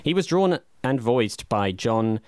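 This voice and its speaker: A man co-hosting a podcast, talking in a wry, deadpan casual way. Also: medium pitch, takes it slowly, clear, resonant tone, dry recording, clean studio sound. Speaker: podcast co-host. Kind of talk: casual chat.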